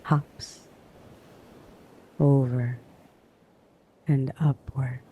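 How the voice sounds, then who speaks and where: Guy doing sleep hypnosis, super slow and soothing, pretty flat pitch, hushed with big gaps between phrases. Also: slightly rough, phone-quality sound. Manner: hushed, soothing, drawn-out phrases with long pauses. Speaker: hypnosis narrator. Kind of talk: sleep hypnosis, guided bedtime narration.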